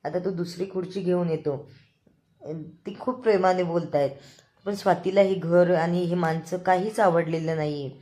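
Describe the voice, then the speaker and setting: A woman host casually retells a TV serial episode in a chatty, running present tense. Her voice sits a little low for a woman, and she moves steadily from scene to scene. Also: steady tone, normal speed, mellow. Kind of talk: casual storytelling recap.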